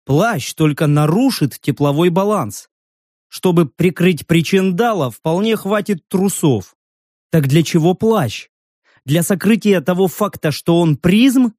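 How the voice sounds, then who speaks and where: A man's voice: high voice, animated, a little slow, darkish tone, dry recording. A man reading a first-person story aloud in a dry, wry manner. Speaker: audiobook narrator. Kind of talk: scripted story narration.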